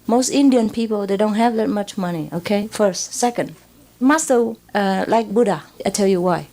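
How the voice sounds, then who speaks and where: Speaking at a moderate pace in a dark, mid-range voice, a woman with a Vietnamese accent leads a casual spiritual lecture as a teacher. Her talk rambles, peppered with "you know" and "huh?" check-ins and frequent chuckles.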